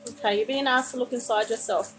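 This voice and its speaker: During a live stream, a woman reads tarot cards for a viewer, speaking soothingly into a phone mic and calling the listener honey. Her fairly high voice keeps a steady tone at a quick pace as she meanders, with many fillers and restarts. Music plays in the background, and the audio is poor.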